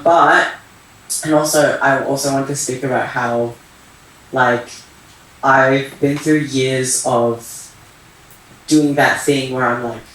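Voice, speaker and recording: A man's voice: medium pitch, a bit bright, slight background noise. A young man from Iran sharing personal thoughts at a community talk, hesitant and searching for words with many fillers. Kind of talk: open share at a community event. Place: theatre hall. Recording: echoey hall from far off.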